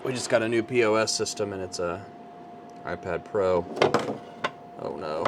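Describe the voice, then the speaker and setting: A man with a deep voice chats casually as a show co-host. The recording carries a clear, steady background hum throughout. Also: normal speed. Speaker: co-host, cigar lounge proprietor. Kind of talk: casual chat.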